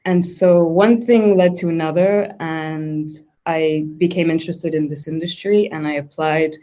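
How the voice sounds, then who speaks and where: A woman's voice: low voice, steady tone, unhurried, warm tone. A woman from Switzerland, a guest in a conversational interview, talking thoughtfully with frequent restarts. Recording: dull lo-fi sound.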